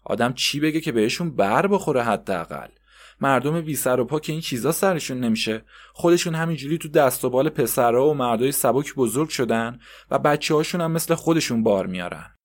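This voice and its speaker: A man voicing a snobbish heavyset woman in a bathhouse who scolds in a shrill, contemptuous way. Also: expressive, close to an everyday voice. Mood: scornful.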